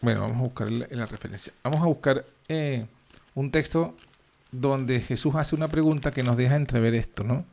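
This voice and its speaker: A man teaching a Bible study, reading verses aloud and then explaining them with frequent pauses and fillers. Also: medium pitch, creaky, a little mellow.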